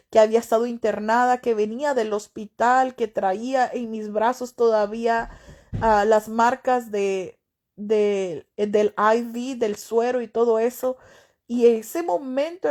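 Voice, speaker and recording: Woman, middle-aged, pastor, testimony sermon, fervent, repetitive, mellow tone, higher voice. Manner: emotional, repetitive, fervent preaching.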